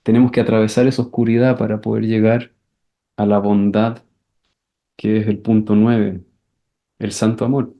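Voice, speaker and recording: A man teaching an enneagram class, explaining slowly and breaking into loud acted-out scenes. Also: fairly low pitch, flat delivery. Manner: acts out scenes with sudden shouted voices, repeats words. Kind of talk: class lecture with questions and answers.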